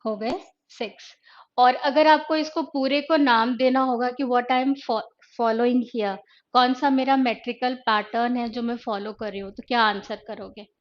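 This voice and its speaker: A woman teacher with a fairly high voice talks through an exam-prep class at a slow, unhurried pace. She poses questions to her students and answers them herself, moving between Hindi and English. The sound is dull and lo-fi, like a recorded online class. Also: steady tone. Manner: reads poetry slowly and deliberately.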